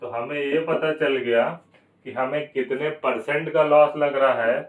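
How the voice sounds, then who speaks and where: A man's voice: medium pitch, steady tone, unhurried, roomy sound, far from the mic, narrow, tinny audio. A man teaching a maths lesson for exam prep, asking questions and answering them himself, going step by step. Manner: explains step by step, repeats key numbers.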